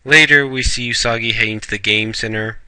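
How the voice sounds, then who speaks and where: A man's voice: mid-range voice, fairly even intonation, brisk, pushed and bright, clear, resonant tone, dry recording. A man casually reviewing a manga chapter, rambling along with fillers and restarts.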